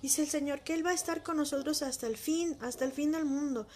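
A woman with a high voice gives a heartfelt personal testimony. She speaks in an emotional, intimate way, as if confiding in one listener. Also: fairly quick, darkish tone.

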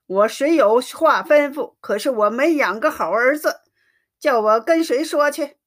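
A woman voicing a stern, angry elderly grandmother who scolds in a trembling, sharp voice. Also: on the high side, measured pace. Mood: scolding.

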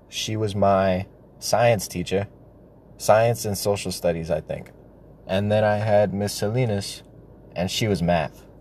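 A man's voice: lowish voice, darkish tone, slight background noise. A man rambling through stories in a casual, joking, sweary way, talking with chewing tobacco in his mouth.

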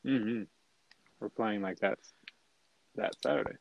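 A man's voice: fairly low pitch, slow, creaky, dry recording, low-quality recording. A man co-hosting a podcast in casual chat, often stumbling and repeating words as he starts a sentence. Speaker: podcast co-host.

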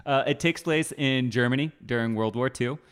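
Casting: guy co-hosting a movie podcast, mid pitch, stop-start delivery. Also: smooth. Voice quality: halting, lots of fillers and restarts, laughs easily. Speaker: podcast co-host. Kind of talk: casual movie-review chat.

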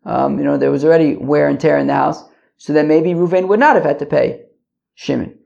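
A creaky-voiced man gives an informal religious lesson. He reads aloud and then explains, often halting to think and repeat himself. The recording is dull and lo-fi. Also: a little high, darkish tone. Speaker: Talmud teacher.

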